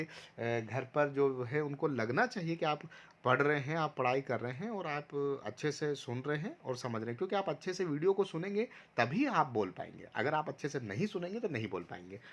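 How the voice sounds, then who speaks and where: A man's voice: mid-range voice, very animated, moderate pace, a bit bright. A man teaching a recorded online lesson to first graders, patiently going step by step and sounding out syllables for pupils to repeat. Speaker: primary school teacher.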